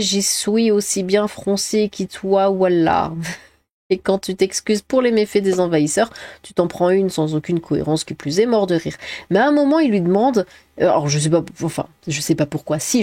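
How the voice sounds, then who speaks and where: Woman streamer, mid-pitched, blunt and rambling live commentary, dry close mic. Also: expressive, moderate pace, warm tone, no echo. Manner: blunt, opinionated, rambling asides. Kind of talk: live reaction commentary and reading chat.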